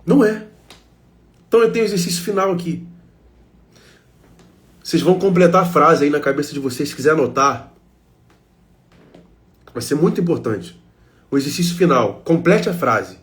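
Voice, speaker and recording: A Brazilian man with a fairly high voice gives a heartfelt self-help talk. He speaks straight to his listeners and drives points home with short, repeated phrases. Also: expressive, normal speed, long pauses. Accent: Brazilian Portuguese.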